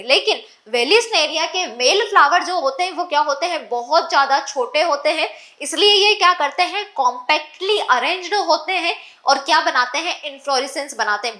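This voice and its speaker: A woman's voice: high voice, pushed and bright. A young woman giving an exam-focused biology lecture, asking herself questions and repeating key points. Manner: keeps asking rhetorical questions and answers them herself. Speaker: biology teacher.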